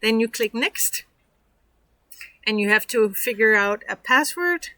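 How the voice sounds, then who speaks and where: With a slightly high, bright, forceful voice and lively intonation, this Danish-accented woman from Denmark speaks a little slowly, with no room sound. She's an online instructor running a casual screen-share tutorial, chatty, encouraging, and full of fillers.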